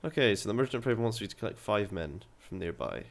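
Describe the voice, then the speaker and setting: A man's voice: on the low side, lively intonation, fast, gravelly. A young man giving casual, chatty commentary while playing a game, thinking aloud and swearing casually. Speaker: gaming video host.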